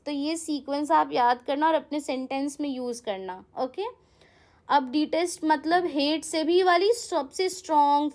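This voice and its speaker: High-voiced Indian woman teaching vocabulary. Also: a little mellow. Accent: Indian English. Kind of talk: exam-prep vocabulary lesson.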